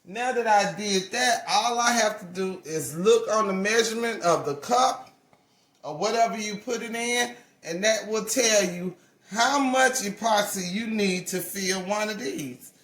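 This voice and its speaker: A woman's voice: medium pitch, a little slow. A woman in her forties giving a casual hands-on craft tutorial, chatty and folksy, often correcting herself mid-sentence. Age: 40s. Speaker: craft channel owner. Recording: roomy echo.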